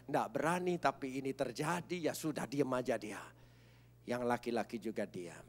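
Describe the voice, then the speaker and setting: A middle-aged man, a pastor, telling his own story to a church congregation, dramatic, dropping to hushed whispers and rising to shouts. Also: mid-range voice, normal speed. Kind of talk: testimony sermon to a congregation. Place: large church service.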